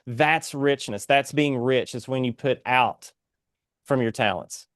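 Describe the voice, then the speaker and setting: A man's voice: medium pitch, unhurried, fairly bright tone, clean tone, dry recording, studio quality. A man with an Appalachian accent speaking as a guest author in an earnest, inspirational interview, exhorting like a preacher.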